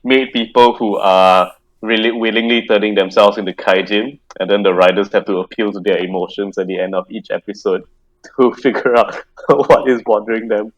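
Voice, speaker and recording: A man with a fairly low voice guides a tabletop game as game master. He narrates loosely, stumbling and restarting, and chuckles often between his sentences. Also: steady tone, normal speed, poor audio. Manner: rambling, restarts, frequent laughs.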